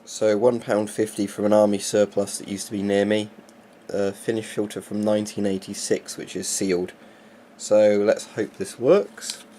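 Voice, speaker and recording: Low-voiced man, casual presenter. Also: level tone, moderate pace, warm tone. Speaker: presenter showing military gas masks. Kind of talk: casual unscripted demonstration. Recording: faint background noise, amateur recording.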